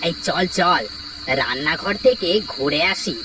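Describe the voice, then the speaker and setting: A woman's voice: deep voice, animated, measured pace, noisy background. A woman voicing a weary, timid male village thief who talks hesitantly. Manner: tired, hesitant. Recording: background music.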